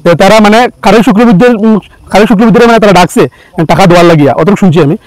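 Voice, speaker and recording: A man giving an eyewitness account to camera, hurried and full of restarts. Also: sits high, no echo, poor audio. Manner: hurried, with frequent restarts and fillers.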